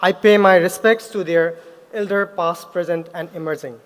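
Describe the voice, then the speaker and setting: A young man from Nepal with a Nepali accent, giving an earnest graduation speech with pauses and self-corrections. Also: high-pitched, fairly even intonation, clean tone. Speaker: graduate speaker. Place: large ceremony hall. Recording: hall reverb.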